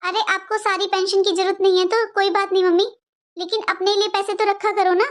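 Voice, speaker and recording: A woman's voice: extremely high pitch, little pitch movement, fairly quick. A woman playing an outspoken grown-up daughter who scolds and stands up for her mother in a family drama. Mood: pleading.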